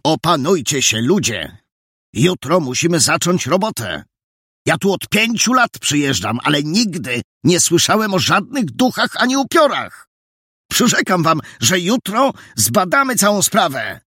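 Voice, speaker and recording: A tense young athletic foreman, as a male narrator puts him on, raising his voice high and pleading with insistence. The tone is husky and dry, close to the mic. This is a spoken storybook scene. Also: sing-song, measured pace, sharp tone, no room sound, full character voice. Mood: urgent.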